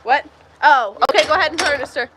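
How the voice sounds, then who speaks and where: Woman, high voice, casual livestream host, chatty, in a barn milking stall, phone mic. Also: animated, fast, heavy background noise. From Texas, USA. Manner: chatty, answers viewers' questions while coaxing cows. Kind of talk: casual livestream chat while doing farm chores.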